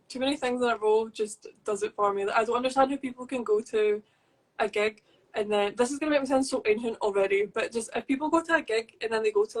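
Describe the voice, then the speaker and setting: A woman's voice: a little high, low-quality recording. A woman guesting on a podcast, chatting casually and poking fun at herself. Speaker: podcast guest and host of another show. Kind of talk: casual chat.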